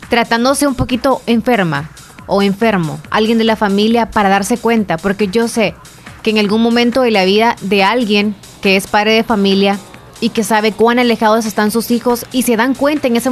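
A woman with a Salvadoran accent co-hosting a podcast, talking in an expressive, reflective way. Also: on the high side. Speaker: podcast co-host. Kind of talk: casual chat.

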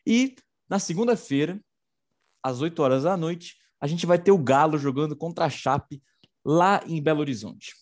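A man's voice: a little high, moderate pace, a little mellow. A man co-hosting an informal political news show, slangy and sarcastic.

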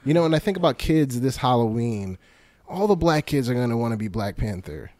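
Mellow-voiced man, animated and slangy. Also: medium pitch, fairly quick, no room sound. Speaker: panel guest. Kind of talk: casual podcast discussion.

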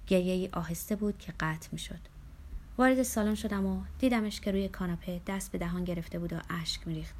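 Woman narrating a novel, measured. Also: fairly low pitch, warm tone. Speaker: audiobook narrator. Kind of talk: first-person novel narration.

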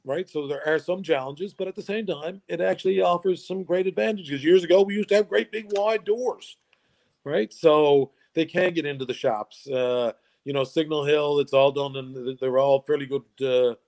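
A middle-aged man with a voice pitched a little above most men's. He talks in a loose, chatty way, laughing easily and stumbling over repeated words at the start of his sentences. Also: moderate pace, darkish tone. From Newfoundland, Canada. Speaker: guest, local tourism voice. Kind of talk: casual chat.

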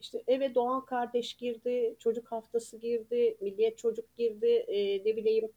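A woman in her sixties from Ankara, Turkey, a retired teacher and guest author, tells stories chattily on a casual podcast interview, laughing between sentences. Her slightly high voice has a dark tone and level delivery at a moderate pace, with lo-fi sound.

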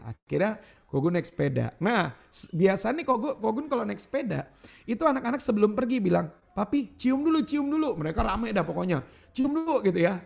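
Youth pastor guy, 30s, preaching with crowd shout-backs, pretty high voice. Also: creaky. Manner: lively preaching with call-and-response and casual storytelling; refers to himself in the third person. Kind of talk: sermon. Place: church youth service.

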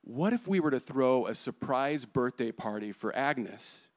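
A man voicing an earnest, soft-spoken traveling preacher. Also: mid-range voice, expressive, measured pace, close to an everyday voice.

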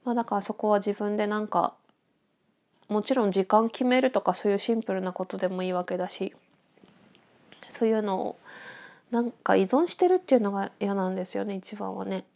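Chatting casually on her own as an audio podcast host, a woman thinks aloud in a reflective, hesitant way. Her medium-pitched, gravelly voice has a darkish, stuffy-nosed nasal tone and moves fairly quickly.

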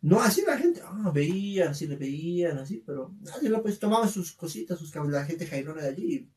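A man's voice: on the high side, brisk. A man with a Bolivian accent, co-hosting a podcast and telling a story in casual, slangy chat. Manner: animated, laughing, slangy storytelling. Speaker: podcast co-host. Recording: roomy, distant from the mic.

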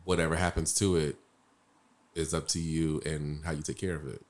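A man co-hosting a casual chat, joking and musing in a relaxed, drawn-out way. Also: very deep voice. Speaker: podcast co-host.

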